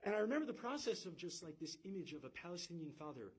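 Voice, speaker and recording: Man, raspy voice, a touch high, emphatic personal testimony, intense, profane. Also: big pitch swings, fast talker, poor audio. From United States. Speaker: speaker telling his own story.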